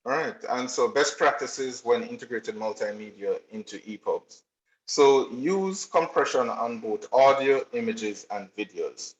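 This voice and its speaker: A man's voice: mid-range voice, a little slow. Man giving a technical presentation, many ums. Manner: frequent filler ums, steady explanatory delivery. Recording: roomy, slightly dull recording.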